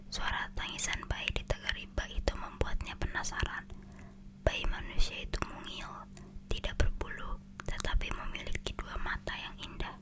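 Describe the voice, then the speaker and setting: An ASMR storyteller with an Indonesian accent reads fairy tales from the page. The voice stays in an unvoiced whisper throughout. The reading is a little halting, with words sometimes restarted and corrected.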